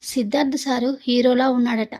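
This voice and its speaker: A woman voicing a gossipy, nervous young junior doctor who talks in a hushed, urgent way in a storybook reading. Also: a little high, steady tone, moderate pace, natural voice.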